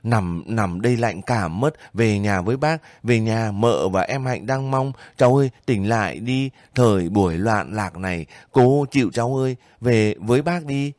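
A man's voice: fairly low pitch, lively intonation, moderate pace, few pauses, a little mellow, no echo, clean studio sound, close to an everyday voice. A man voicing a kindly older village woman who pleads and sobs over her nephew in a spoken story. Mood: pleading. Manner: pleading, sobbing, fussing.

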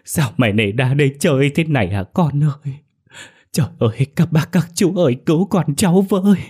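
A man's voice: on the high side, animated, brisk, a little mellow, slightly rough, pitched above the performer's own voice. A man voicing a young village mother who screams and sobs for her drowned son. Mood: anguished wailing. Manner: screaming, sobbing cries.

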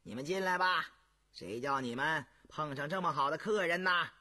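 A man's voice: on the high side, moderate pace, bright, forceful tone, voice pushed up. A man voicing a fawning middle-aged male innkeeper who hesitates with filler sighs and talks ingratiatingly.

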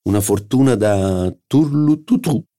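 A man's voice: on the low side, animated, measured pace, dark tone, voice pushed up. A man voicing a smug middle-aged doctor who loves his own jokes, in an audiobook. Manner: smug, joking. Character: middle-aged doctor fond of bad puns.

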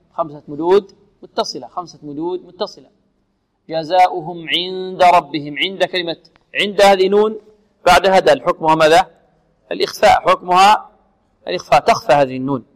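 Man teaching recitation in a reverberant hall. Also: fairly high pitch. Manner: drills single words slowly, asks and answers his own questions. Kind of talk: tajweed lesson.

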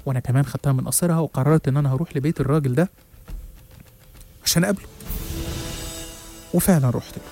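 A man with an Egyptian accent narrating a first-person horror story in a rapid, suspenseful way. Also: medium pitch, dark tone, soft background music. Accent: Egyptian Arabic. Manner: rapid, suspenseful, with small restarts.

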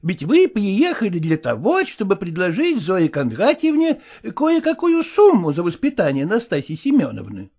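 Man doing a calm, reluctant go-between. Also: sits high, voice pushed up, full character voice. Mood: measured. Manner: measured, reasonable.

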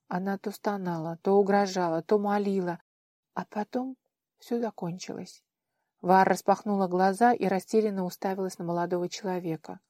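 A woman narrating an audiobook in an expressive, measured manner. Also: mid-range voice, no echo, clean studio sound. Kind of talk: scripted narration.

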